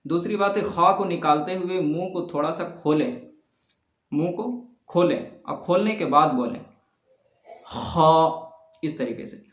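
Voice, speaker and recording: A man teaching Quran letter pronunciation step by step, patiently repeating each sound slowly and loudly. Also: fairly high pitch. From South Asia. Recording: echoey room.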